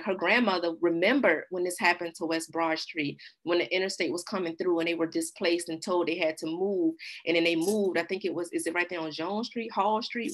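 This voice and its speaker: A woman's voice: fairly low pitch, fairly bright tone. Laid-back woman presenting. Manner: conversational, laughs while telling stories. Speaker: workshop presenter. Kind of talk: casual talk with slides.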